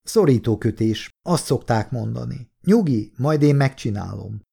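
A man voicing a brash, profane young male soldier who wisecracks and yells in an audiobook. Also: medium pitch, lively intonation, vocal fry, husky, heavily acted. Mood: indignant. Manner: profane, shouting, cocky.

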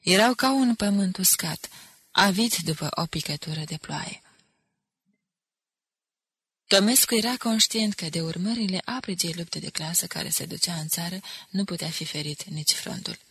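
Gravelly woman reading a novel aloud. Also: lowish voice, a bit bright, dry recording. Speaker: audiobook reader. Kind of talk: scripted narration.

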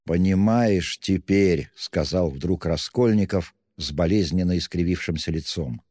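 Male audiobook narrator, deep and dark, measured delivery, long reverb. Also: husky, studio quality. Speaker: audiobook reader. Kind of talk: scripted literary narration.

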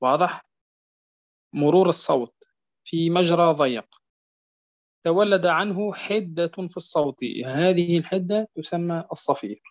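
A man teaching a Quran recitation lesson, repeating each point and often asking whether it is clear. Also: a little high. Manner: drills words slowly, stretching them out. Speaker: tajweed teacher. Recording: dull lo-fi recording.

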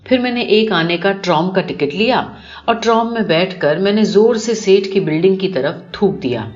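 A woman with a medium-pitched, darkish voice and lively intonation reads a literary short story as scripted first-person audiobook narration. The recording is dull and lo-fi, with music clearly audible behind her.

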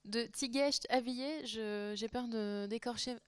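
A woman with a French accent introducing the next speaker as session chair, halting, with fillers. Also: on the high side, clean tone, dry recording.

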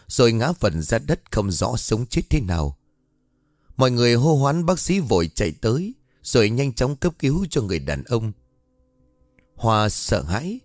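A man narrating a dramatic story in a steady, measured way. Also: medium pitch, no echo.

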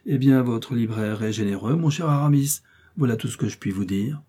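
A man reading aloud and voicing a bold young male swordsman with a lively, bantering delivery. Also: mid-range voice, normal speed, breathy edge, natural voice. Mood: teasing.

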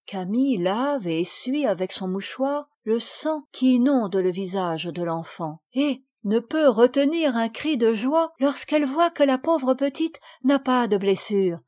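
A woman narrating a storybook aloud in a measured, expressive reading. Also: fairly high pitch. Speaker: audiobook reader. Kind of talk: audiobook narration.

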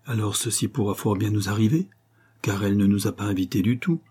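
A calm, educated father who doubts ghost stories and speaks with mild irony, as a man reads him. The tone is husky and mellow, at a middling pitch. It comes from an audiobook of a classic novel. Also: brisk. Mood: skeptical. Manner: calm, gently ironic. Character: educated, skeptical, kindly father.

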